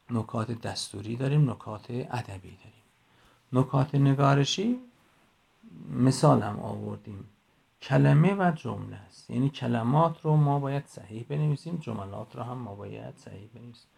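A man, middle-aged, teaching a class in a recorded voice message on a phone, explaining slowly and going through examples one by one. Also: medium pitch, gravelly, darkish tone, slightly rough. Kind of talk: recorded lecture.

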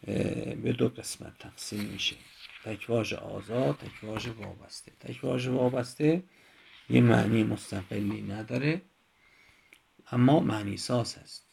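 A man's voice: fairly low pitch, gravelly, slight background noise. A man teaching a grammar lecture, explaining step by step with examples.

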